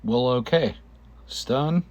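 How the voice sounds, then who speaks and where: A man narrates his own gameplay at a slow, halting pace. He sounds casual and hesitant, working things out aloud, and he has a cough that keeps him clearing his throat. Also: mid-range voice, a little mellow.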